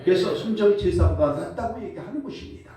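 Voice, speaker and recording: A man preaching as pastor, lively and joking, calling for responses from the congregation. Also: high-pitched, quick pace. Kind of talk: sermon. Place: church sanctuary. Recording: echoey church hall, voice from far off.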